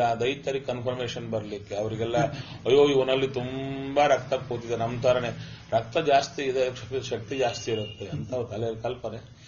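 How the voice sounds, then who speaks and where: A man's voice: medium pitch, a little hiss or hum. Storytelling man giving a spiritual discourse. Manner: storytelling, asks and answers his own questions. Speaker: religious discourse speaker. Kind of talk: Kannada spiritual discourse with Sanskrit verses. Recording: dull lo-fi recording.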